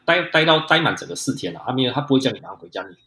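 A man's voice: mid-range voice, big pitch swings, rapid-fire, sharp tone. A man with a Taiwanese Mandarin accent chatting casually as an interview guest, mixing in English technical terms and often repeating himself. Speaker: interview guest, experienced airline pilot. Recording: roomy, echoey sound.

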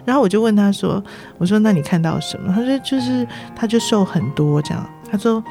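A middle-aged woman with a Taiwanese Mandarin accent, a nursing director guesting on a podcast, telling lively stories, acting out dialogue and laughing often. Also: mid-range voice, a little fast, soft background music. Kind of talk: podcast interview.

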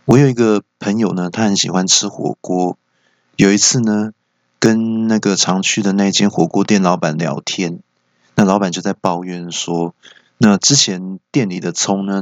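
A man's voice: low voice, no room sound. A man hosting a podcast, telling jokes as an easygoing comic story. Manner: easygoing joke-telling narration. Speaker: podcast host.

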